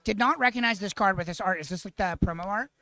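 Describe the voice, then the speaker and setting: A man co-commentating a card game in casual chat, easygoing and quick to laugh. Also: high-pitched, sharp tone.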